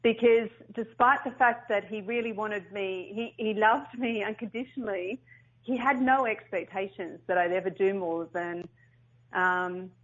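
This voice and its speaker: A woman's voice: mid-range voice, steady tone, a little slow, fairly bright tone. A middle-aged woman, a business founder telling her story in an interview. She talks animatedly, often restarts and repeats herself, and acts out the quotes. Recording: slightly dull lo-fi sound.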